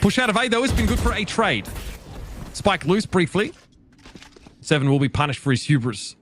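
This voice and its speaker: A man casting an esports match play by play, hyped and slangy, climbing to shouts on big plays. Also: high voice, big pitch swings, moderate pace, a little hiss or hum. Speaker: esports caster.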